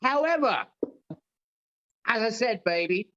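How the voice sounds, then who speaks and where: Host: rowdy British man, swinging pitch, crude jokes, muffled lo-fi sound. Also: big pitch swings, unhurried, a bit bright. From Britain. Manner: boisterous, crude, joking. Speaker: show host. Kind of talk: casual tasting chat.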